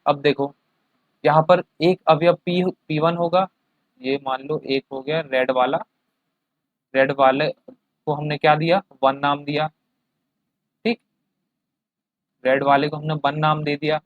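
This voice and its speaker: A man's voice: a little high, flat delivery, measured pace, long pauses, no room sound, phone-quality sound. A man teaching a chemistry class, explaining with everyday examples and often checking that students follow.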